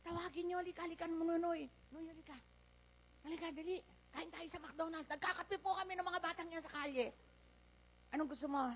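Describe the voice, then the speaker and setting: At a live-recorded Sunday church service, a woman pastor with a Filipino accent preaches animatedly, telling stories and acting out dialogue in quoted voices. Her voice is extremely high and a little fast, with a bit of hiss or hum in the recording.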